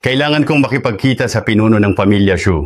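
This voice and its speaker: A man's voice: on the low side, dry recording, studio quality, natural voice. A man voicing a cool, menacing young leader. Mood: controlled. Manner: cool, measured, quietly menacing. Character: calm, powerful young male leader, coolly threatening. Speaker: voice actor in a Filipino dub. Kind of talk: dubbed drama acting.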